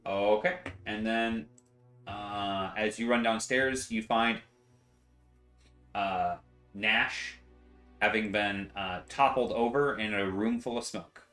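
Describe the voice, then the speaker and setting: Low-voiced man running a tabletop game. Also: slow pace, long pauses. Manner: relaxed, filler-heavy narration. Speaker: game master. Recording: roomy echo, faint music.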